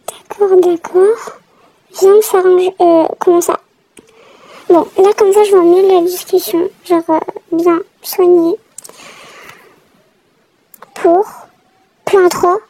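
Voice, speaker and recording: A woman talks through her gameplay in a chatty, exasperated running commentary. Her voice is very high yet mellow in tone. It has a gravelly vocal fry all through. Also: flat delivery, slow pace, long pauses, poor audio. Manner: chatty, reacting aloud, exasperated. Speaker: gamer narrating her play. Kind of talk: casual game commentary.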